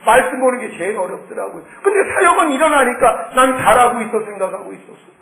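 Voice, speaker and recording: High-voiced middle-aged man preaching in echoey room. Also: quick pace, creaky. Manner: emotional, animated storytelling with acted prayers. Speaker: preacher giving testimony. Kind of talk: sermon testimony.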